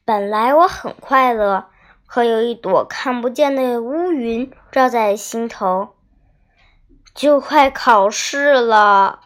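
A young girl hosting a storytelling show, reading a children's diary story aloud in an expressive, dramatic way. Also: a little high, slow.

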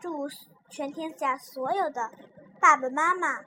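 Lady storyteller reading a kids' story, bright and expressive, a bit of hiss behind. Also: sits high, a little slow. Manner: lively and expressive.

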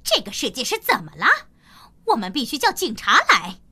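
A woman's voice: fairly high pitch, huge pitch swings, normal speed, bright, forceful tone, husky, full character voice. A woman voicing a feisty, indignant townswoman in a children's cartoon, exclaiming emphatically. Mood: alarmed. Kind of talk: animated children's cartoon dub.

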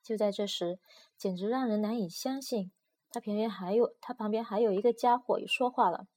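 Mellow woman reading a storybook. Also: medium pitch, brisk. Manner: even, storytelling. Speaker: narrator. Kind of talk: storybook narration.

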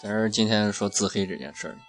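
Music plays behind a man from Shaanxi, China, who hosts a radio show as a casual, irreverent chat full of crude slang. His voice sits on the low side, and he talks fast.

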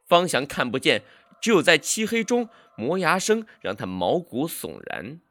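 A man narrating a horror story in a dramatic, suspenseful way, swinging between hushed and loud delivery. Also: on the high side, wildly swooping pitch, moderate pace, dry recording.

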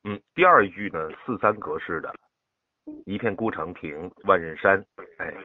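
A man teaching a child to recite a poem over a phone call, patient and drawing words out slowly to demonstrate. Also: low voice. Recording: tinny phone line.

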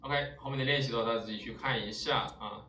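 A man teaching a vocabulary lesson, leading his students through each word with rhetorical questions and drawn-out fillers. He sits some way from the microphone, so his voice carries a roomy echo. A faint ambient hum stays underneath. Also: medium pitch, bright, forceful tone, distant mic. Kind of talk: explaining Japanese vocabulary in Chinese.

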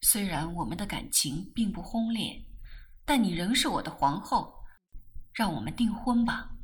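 A woman voicing a calm, reserved man in an audiobook, with a lowered, measured delivery. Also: natural voice. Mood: subdued. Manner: low, subdued and measured. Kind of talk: audiobook character voice.

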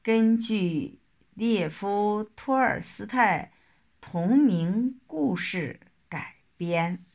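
A woman reading a children's story aloud, slowly, gently and deliberately. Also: medium pitch, lively intonation.

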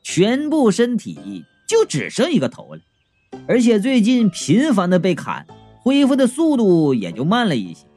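A man narrating a comic first-person story in an expressive, playful way, full of little asides. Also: high voice, moderate pace, faint music behind. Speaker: audiobook narrator.

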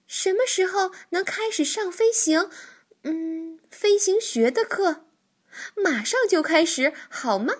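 A woman voicing an excitable young male frog in a children's storybook, shrill and gushing. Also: a little slow. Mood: excited. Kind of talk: storybook reading.

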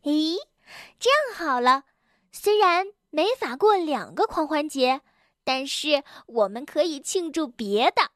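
A woman voicing a timid, excitable male rabbit in a children's storybook, with a squealing, flustered and whiny manner. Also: high voice, slow, no room sound, studio quality, heavily acted. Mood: cheerful.

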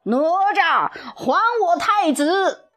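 Woman playing a furious dragon king, threatening shouts, high lively voice, soft music behind. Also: a little slow. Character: angry menacing male dragon king.

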